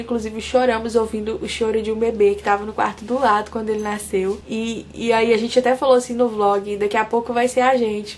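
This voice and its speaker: A young woman with a Brazilian Portuguese accent, earnestly recounting a personal story to her viewers in a soft, casual way with frequent restarts. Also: on the high side, slight background noise. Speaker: vlogger.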